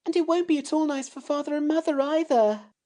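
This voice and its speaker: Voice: high voice, fairly quick, warm tone, pitched above the performer's own voice, close to an everyday voice. A reader voicing an earnest young girl who speaks dramatically and pleads breathlessly. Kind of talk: storybook reading.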